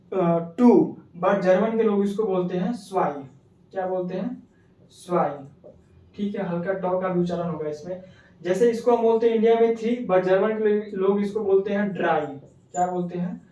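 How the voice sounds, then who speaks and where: A man's voice: sits high, dark tone, recorded from a distance. Man teaching in an echoey room. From India. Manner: explains slowly, repeats words and asks the viewer questions. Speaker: language teacher. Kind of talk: casual video lesson. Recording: echoey room, voice a bit off mic.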